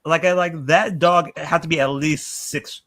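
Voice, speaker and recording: A man in casual chat, telling a story excitably with many fillers. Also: fairly high pitch, normal speed. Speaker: podcast co-host.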